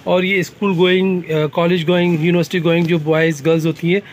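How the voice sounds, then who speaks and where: A man's voice: a little high, flat delivery, brisk. A man with a Karachi Urdu accent presenting a shopping vlog, eager and repeating prices back. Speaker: vlogger. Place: busy bag shop in a mall. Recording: shop noise behind.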